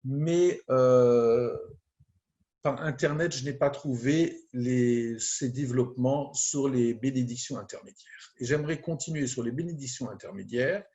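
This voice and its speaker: Speaking in a warm, mid-range voice, a man who is a rabbi works through a prayer text at a slow, deliberate pace, giving Hebrew phrases one at a time along with their translations.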